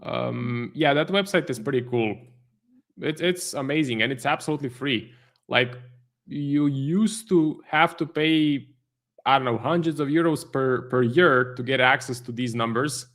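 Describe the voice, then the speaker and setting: A man's voice: mid-range voice, unhurried, a bit bright. A man, a trading stream host giving live market commentary, thinking aloud with many fillers and restarts. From Croatia.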